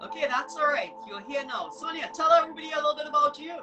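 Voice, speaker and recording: A fast-talking host with a high-pitched voice and lively intonation leads a relaxed live online show, enthusiastically encouraging viewers and repeating herself often. The recording sounds muffled, with music underneath.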